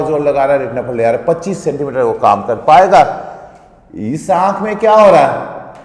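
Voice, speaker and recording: In an echoey classroom with long reverb, a man teaches physics, explaining each step and often asking his students questions. He has a medium-pitched, slightly mellow voice.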